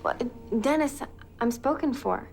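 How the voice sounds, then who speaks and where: A woman's voice: high voice, animated, a little slow, gravelly, darkish tone, faint music behind, full character voice. An actress playing a kindly young woman in a film, talking in a conversational, tactful way. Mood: uneasy, gentle. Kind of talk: naturalistic film acting.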